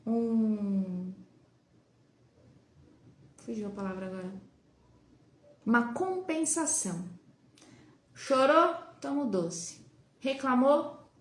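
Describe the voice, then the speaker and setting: Brazilian woman talking in a roomy echo. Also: on the high side. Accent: Brazilian Portuguese. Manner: conversational, many rhetorical questions and tag questions. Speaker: host of a live talk on child development. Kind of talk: casual live talk to viewers.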